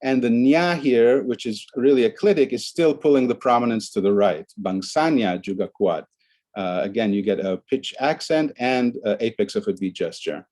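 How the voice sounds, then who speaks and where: Man presenting at a conference, mellow, middle pitch, explanatory, walks through his slides. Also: lively intonation, normal speed, hardly any pauses. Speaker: academic presenter.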